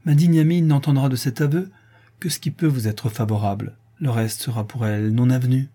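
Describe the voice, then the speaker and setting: A man reading an audiobook and voicing a gracious, kind society woman who speaks in a measured, reassuring way. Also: mid-range voice, warm tone, breathy edge, close to an everyday voice.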